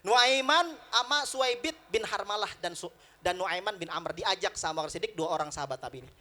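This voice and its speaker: A male preacher, telling stories in a lively, joking sermon at a prayer room celebration. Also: high voice, fairly quick. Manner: lively storytelling with jokes and acted-out voices.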